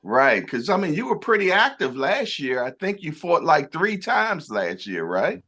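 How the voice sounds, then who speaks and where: A man hosts a boxing show, interviewing a guest over a video call. He is upbeat and quick with short affirmations, and his pitch swings widely between high and low. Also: big pitch swings, bright, forceful tone. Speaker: boxing channel host.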